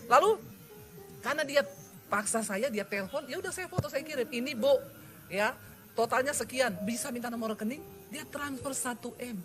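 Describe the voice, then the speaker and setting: Lady pastor preaching, high voice, super lively storytelling, music playing under her. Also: normal speed. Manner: animated storytelling, mimics quoted voices, exclaims and laughs. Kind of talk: sermon with personal testimony.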